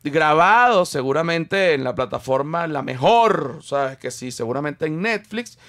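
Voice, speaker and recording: A man's voice: a little high, animated, unhurried, fairly bright tone, dry recording, studio quality. A man hosting a podcast, talking in a rambling, self-mocking way with many restarts. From Venezuela. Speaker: podcast host. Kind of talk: casual chat.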